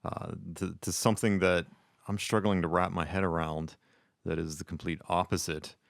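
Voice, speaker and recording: Low gravelly podcast co-host. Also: male voice, flat delivery, normal speed, no room sound, studio quality. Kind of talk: casual chat.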